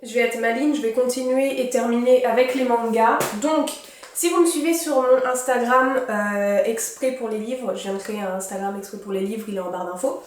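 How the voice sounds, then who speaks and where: A chatty young woman in her twenties walks through her recent book purchases in a loose, rambling way, pausing often on fillers. Her voice sits slightly high. The room around her is very echoey. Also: slight background noise. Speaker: book vlogger. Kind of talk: casual book haul chat.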